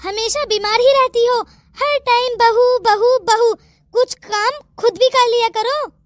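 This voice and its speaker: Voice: extremely high pitch, fairly even intonation, unhurried, a bit bright, no echo, studio quality. A voice actor playing a two-faced young daughter-in-law in a Hindi cartoon story, sugary in front of guests. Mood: scornful. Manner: sugary and polite.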